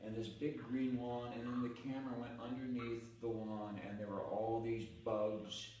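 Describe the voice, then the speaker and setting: A man's voice: medium pitch, little pitch movement, moderate pace, warm tone. A man in his sixties from California, a guest musician recalling his past in a candid, reflective way. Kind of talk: casual interview chat. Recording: echoey room, distant mic, faint noise.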